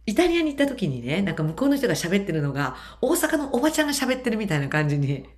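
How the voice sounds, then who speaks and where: A woman's voice: medium pitch, big pitch swings, racing. A woman hosting a casual interview, chatty and full of fillers and asides. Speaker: host.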